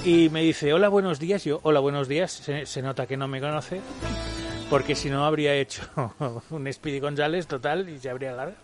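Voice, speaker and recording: A man's voice: on the high side, fairly even intonation, moderate pace, music in the background. A man, telling a comic anecdote on a radio show in an exaggerated, theatrical way and acting out the voices. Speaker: co-host.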